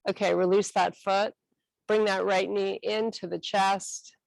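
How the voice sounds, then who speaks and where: A woman instructor guiding a stretching class with calm, encouraging cues. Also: mid-range voice, vocal fry, no echo, poor audio. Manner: calm, encouraging cueing with a slow, unhurried delivery.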